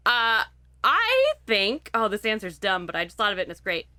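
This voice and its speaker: Lively bright-voiced woman podcaster. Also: mid-range voice, moderate pace. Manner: giggly, excitable, swears casually. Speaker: podcast co-host. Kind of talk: casual chat.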